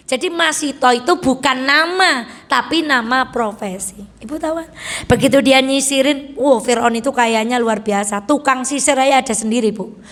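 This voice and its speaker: A woman religious teacher with a Javanese accent, telling stories and asking her audience questions in a lively study talk. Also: high-pitched, moderate pace, big-room sound. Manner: animated storytelling, asks the audience questions.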